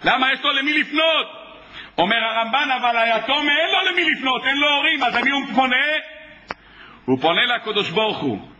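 A man's voice: very high-pitched, big pitch swings, pushed and bright, highs cut off, slight background noise. A man preaching a sermon as a rabbi, in an impassioned way that acts out the dialogue he quotes. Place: synagogue or hall.

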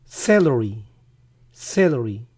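A male teacher running a vocabulary quiz lesson, repeating each English word slowly and carefully, his voice not fully recovered. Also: mid-range voice, big pitch swings, a little mellow, husky.

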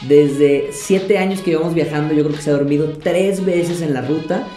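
A man's voice: fairly high pitch, moderate pace, warm tone, echoey room, faint music behind. A young man vlogger casually explaining road trip tips from a living room couch. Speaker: travel vlogger. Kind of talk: casual advice to camera.

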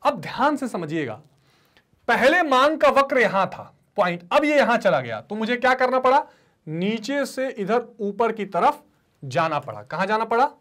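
Speaking at a moderate pace in a high voice, this male economics teacher gives an online class with a lively, swooping delivery. Students are asked to repeat key terms in a call-and-response style, but he supplies their answers himself. His explanation blends in English terms.

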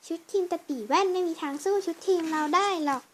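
A woman performing a fan voice drama, switching quickly between characters. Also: very high voice, noisy background. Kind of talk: fan voice drama with many roles.

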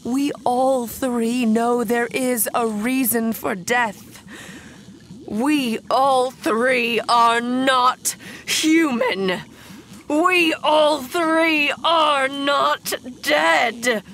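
A woman's voice: high-pitched, extremely slow, a bit bright, heavily acted. A woman playing a vengeful undead bride in an audio horror drama, solemn and dramatic, lapsing into whispers. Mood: grim resolve. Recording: noisy background.

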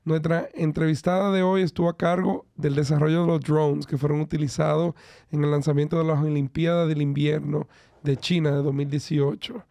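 A man's voice: fairly high pitch, little pitch movement, normal speed, gravelly, warm tone, no room sound. Man hosting a podcast. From Dominican Republic. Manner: friendly, mixes in English phrases. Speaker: podcast host. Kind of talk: casual podcast interview.

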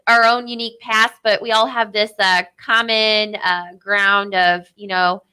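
A woman's voice: medium pitch, steady tone, a little slow, bright, forceful tone, smooth. A young woman, a guest on a radio talk show, chatting and giggling in a studio. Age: young adult. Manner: giggly, chatty, uses fillers. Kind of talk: casual radio interview. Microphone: studio microphone.

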